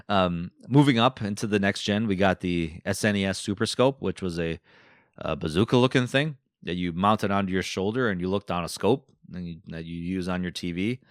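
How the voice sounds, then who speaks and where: Speaking at a normal pace in a low voice, an Eastern European–accented man chats through his solo podcast. The studio sound is clean with no echo, and he wanders along with asides and filler words.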